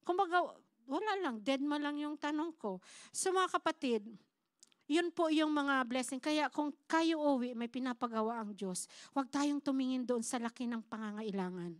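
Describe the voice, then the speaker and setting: Preaching at church in Tagalog with bits of English, a woman pastor shares her testimony as a story, voicing quoted exchanges and often saying "mga kapatid" to the congregation. She speaks at a moderate pace in a high-sitting voice, and the recording is dry and clean, studio-like.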